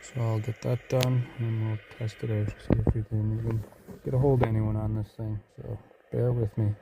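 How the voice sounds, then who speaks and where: A vlogger demonstrates a DIY vehicle install, working in and around the vehicle and half muttering to himself in an unscripted, casual walkthrough. His voice is on the low side, gravelly and flat, at a moderate pace. The handheld camera mic gives dull, noisy audio with clicks and rattles.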